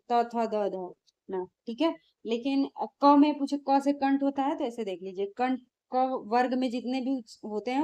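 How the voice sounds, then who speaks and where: A woman's voice: on the high side, mellow, dull audio. A woman teacher, going through exam questions in a lesson and answering her own questions.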